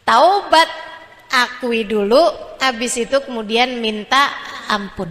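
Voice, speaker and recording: A woman preacher with a high, bright voice gives a lively sermon, acting out her listeners' questions and answering them herself. Her voice rings with a long reverb, as if in a large hall. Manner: drops to slow hushed tones in prayer. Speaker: Islamic preacher.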